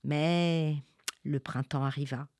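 A woman narrating a children's folk tale with expressive, sing-song storytelling. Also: low-pitched, slow, no echo, clean studio sound.

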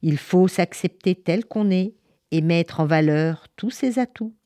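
Expressive woman reading a children's tale. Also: lowish voice, unhurried, heavy background noise. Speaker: storyteller.

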